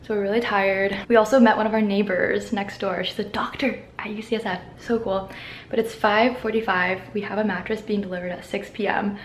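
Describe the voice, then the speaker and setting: A woman's voice: mid-range voice, steady tone, a little fast, a little hiss or hum. A young woman chatting casually to a handheld camera, upbeat and filler-heavy, sometimes tired and breathless. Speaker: vlogger. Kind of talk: casual vlog narration. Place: around the city, indoors and outdoors. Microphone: handheld camera mic.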